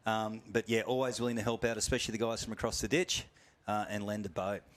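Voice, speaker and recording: A man's voice: on the low side, flat delivery, fast talker. An Australian man commentating surf boat racing, folksy and full of slang, with frequent fillers. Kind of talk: live sports commentary.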